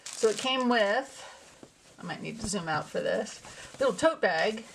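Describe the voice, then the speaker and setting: Woman, tarot host, casual unboxing chat, gravelly, mid pitch, slightly breathless. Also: measured pace, background noise. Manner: relaxed, musing to herself while handling cards. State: a little out of breath.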